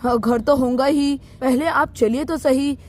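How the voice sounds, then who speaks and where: A woman's voice: high-pitched, a little slow, a little mellow. A woman voicing a flustered young groom in a doll story, stammering and pleading.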